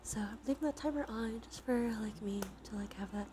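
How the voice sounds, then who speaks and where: A woman with a sore throat sounds sniffly as she chats softly on a cozy ASMR livestream, frequently slipping into whispers. Her voice is a little high and fairly quick, with slight background noise.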